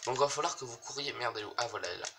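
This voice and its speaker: A man's voice: mid-range voice, rapid-fire. Rambling young man over a noisy recording. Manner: rambling, hesitant, swears a lot. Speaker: gaming video host. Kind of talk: casual gameplay commentary.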